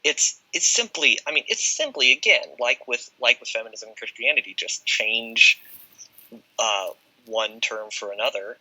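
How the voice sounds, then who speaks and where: Bright, husky-voiced male guest. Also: medium pitch. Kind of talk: casual discussion. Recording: poor audio with popping.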